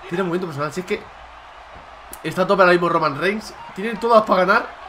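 A young man from Spain with a Spanish accent, giving loud, excited commentary on his own gameplay, shouting and swearing at his opponent. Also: sits high, quick pace, slight background noise. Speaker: gaming YouTuber.

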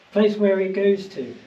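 A man's voice: sits high, dark tone, muffled recording, slight background noise. A man in his sixties, a boat-building vlogger, chatting casually as he explains each job while he works. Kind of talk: casual how-to narration. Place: outdoors in a boatyard and inside a barge under refit.

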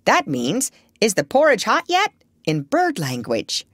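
A woman voicing a clever, proud female parrot in a children's storybook, high-voiced, insistent and fond of instructing. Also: wildly swooping pitch, measured pace, no room sound, clean studio sound. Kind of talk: children's storybook character reading.

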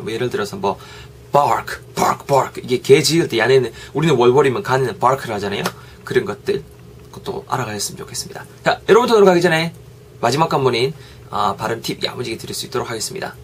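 A man with a Gyeongsang accent teaching an online English lesson, lively and repeating phrases for drills. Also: medium pitch, slight background noise. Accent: Gyeongsang Korean.

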